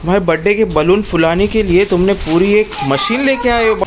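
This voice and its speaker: A man's voice: high voice, brisk, noisy background. An Indian man filming a family birthday at home, coaxing and teasing a toddler in a playful, repetitive way. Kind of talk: casual family home video.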